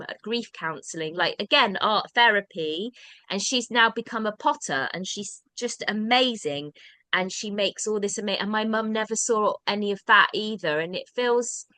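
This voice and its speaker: A woman's voice: mid-range voice, pushed and bright, no echo. A British woman, a podcast guest, telling a personal story in a rambling, casual way with many restarts. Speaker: guest, drama workshop founder.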